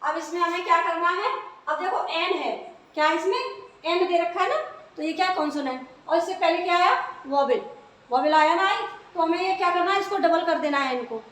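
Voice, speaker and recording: A woman's voice: very high-pitched, moderate pace, a bit bright. A woman teaching English grammar in a classroom lesson, spelling words out letter by letter and answering her own questions. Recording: echoey room, voice from far off.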